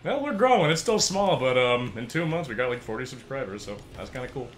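A young man co-hosting a video game let's-play, joking and bantering with bursts of shouting. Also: medium pitch, expressive, fast talker. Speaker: gaming channel co-host.

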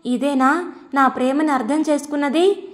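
A woman's voice: sits high, normal speed, natural voice. A woman reading as an anxious young woman. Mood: pleading. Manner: pleading, earnest.

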